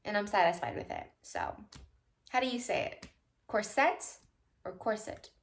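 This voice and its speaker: A woman's voice: mid-range voice, huge pitch swings, fairly quick, gravelly. A woman vlogging casually at home, answering viewer questions in a chatty, playful way with loose tangents and asides. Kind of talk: casual chat.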